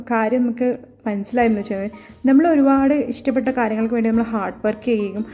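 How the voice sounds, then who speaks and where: A woman's voice: on the high side, mellow, muffled recording. A woman with a Malayali accent narrating a casual vlog, mixing English words into her Malayalam. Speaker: henna artist and vlogger. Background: faint music.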